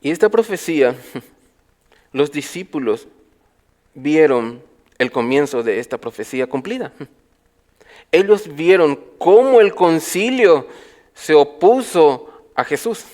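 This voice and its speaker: Man, pastor, sermon, higher pitch, loud then hushed. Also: animated, slow pace, long pauses. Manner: preaching with rhetorical questions to the congregation; swings from loud calls to quiet low phrases. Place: church.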